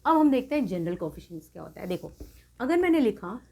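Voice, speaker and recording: A woman's voice: medium pitch, quick pace. A woman tutor explaining a math lesson to students, often asking whether they have understood and stressing key points. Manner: repeats checks like "clear?", lively emphasis.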